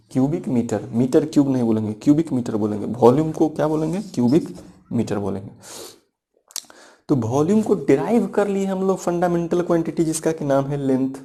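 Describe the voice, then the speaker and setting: A man's voice: fairly high pitch, warm tone. A man teaching a physics class, explaining step by step, repeating key points and asking rhetorical questions. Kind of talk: classroom lecture.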